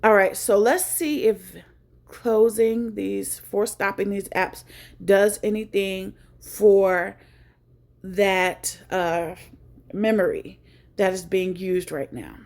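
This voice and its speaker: A woman's voice: mid-range voice, slow, a little mellow. A woman hosting a casual phone tutorial, chatty and joking, thinking aloud as she goes. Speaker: tech tutorial host. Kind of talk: casual screen-share tutorial.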